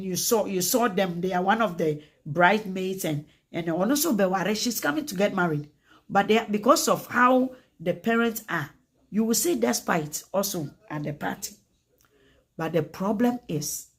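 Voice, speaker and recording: A woman with a Ghanaian accent hosts a casual livestream, chatting in an animated, lively way and slipping between English and Twi. Her voice is husky, with a slightly breathy edge. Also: mid-range voice. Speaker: livestream host.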